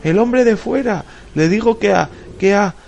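A male audiobook reader voicing a terrified airline passenger who pleads and shouts, his voice pushed high and loud. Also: unhurried, gravelly, muffled recording, faint music behind. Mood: panicked.

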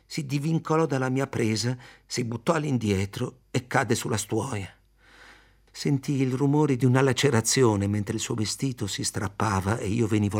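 A man reading a literary novel aloud, in a measured, even storytelling manner. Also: mid-range voice. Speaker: audiobook reader. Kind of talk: literary audiobook narration.

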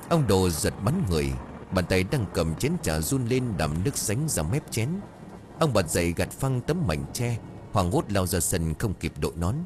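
A man's voice: low voice, background noise. A man narrating a dramatic audiobook story.

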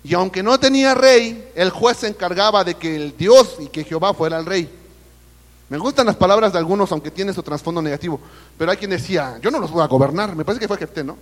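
A Mexican man with a Mexican Spanish accent delivers a sermon in a high voice, his intonation lively and his pace quick. Calling his listeners brother, he questions the congregation at this church service as a long reverb tail follows his words.

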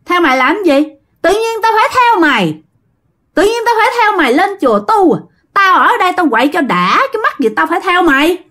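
A woman putting on a shrill spiteful possessing spirit. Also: animated, measured pace, bright, forceful tone, heavily acted. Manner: sneering, shrill taunting, later sobbing pleas. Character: vengeful spirit possessing a young man, spiteful and bratty.

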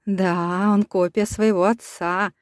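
A desperate young mother, as a woman narrator voices her in a storybook reading, tense and pleading. Her pitch is ordinary and the sound is dry and close. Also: fairly even intonation, slow, no echo, lightly acted. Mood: defiant.

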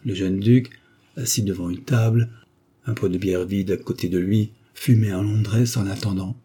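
A man narrating a classic French novel as an audiobook, in a measured, even storytelling manner. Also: fairly low pitch, husky.

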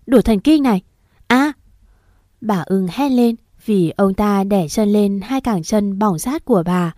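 A woman narrating a grim horror story in a steady, grave storytelling manner. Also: medium pitch, no echo, studio quality.

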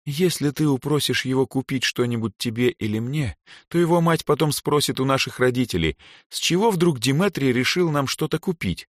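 Shy young girl, soft and reflective, voiced by a male reader; audiobook figure. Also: medium pitch, animated, moderate pace, few pauses, no echo, studio quality, pitched above the performer's own voice, natural voice. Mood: thoughtful.

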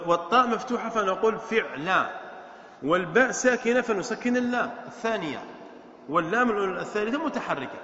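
Male sheikh-teacher, high voice, quizzes the class and repeats points, long hall echo, dull sound. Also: pushed and bright, a little hiss or hum. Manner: quizzes students with questions, repeats key points. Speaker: sheikh teaching Arabic morphology. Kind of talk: classroom lesson. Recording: echoey, dull lecture-hall recording.

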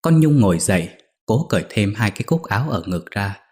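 A man reading a ghost story aloud in a steady, measured way. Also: fairly low pitch.

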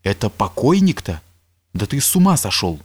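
Man reading a curt, grumpy court favorite, low voice, a bit mocking, storybook style. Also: sing-song, normal speed, husky. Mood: gruff. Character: gruff, bitter male court favorite.

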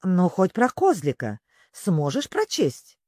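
A storybook reader voicing a fussy, excitable male griffin who grumbles. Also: mid-range voice, takes it slowly, no room sound, clean studio sound, heavily acted.

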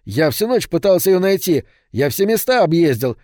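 A rough young man from the streets talks fast and urgently, his voice pushed up and louder, as the narrator acts him out. The tone is dark and dry, close to the mic, in a storybook reading. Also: a little high, sing-song, dry recording, pitched above the performer's own voice. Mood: urgent pleading.

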